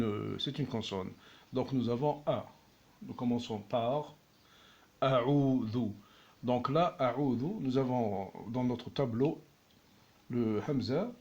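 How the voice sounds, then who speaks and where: A man teaching at a whiteboard, patiently explaining and repeating each word slowly. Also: mid-range voice, a little mellow, lo-fi sound. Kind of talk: slow classroom explanation.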